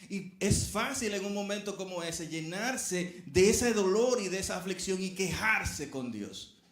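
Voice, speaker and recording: A man's voice: high-pitched, lively intonation, measured pace, echoey room. A middle-aged man preaching a sermon as a pastor, earnest and speaking straight to his congregation.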